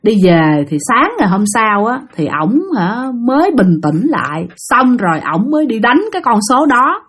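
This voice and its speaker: A woman with a Southern Vietnamese accent tells a ghost story casually, turning often to speak straight to her listeners. Her voice sits on the higher side and swings a lot in pitch, keeping the telling animated. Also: moderate pace, husky. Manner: animated, addresses listeners directly.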